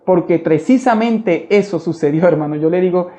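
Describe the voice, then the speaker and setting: A man's voice: high-pitched, normal speed, warm tone. A man preaching a testimony sermon in a fervent way, often addressing listeners as brother.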